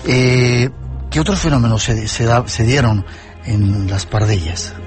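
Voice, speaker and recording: A man hosting a late-night radio interview, briskly reading time checks and prompting his guest. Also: medium pitch, soft background music. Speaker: radio host.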